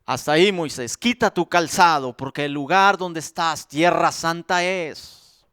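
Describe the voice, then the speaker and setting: A preacher voicing God as a solemn, commanding male deity in a grave, lowered voice during a sermon. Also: a little slow, a bit bright, clean tone, no room sound, clean studio sound.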